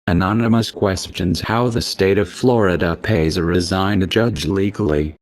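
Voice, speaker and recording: Man in a disguised deep voice. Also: unhurried. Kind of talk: scripted statement read out.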